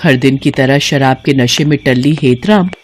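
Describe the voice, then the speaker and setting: A woman's voice: rumbling low, normal speed. A woman narrating a moral story in a scripted storybook style, voicing the characters expressively.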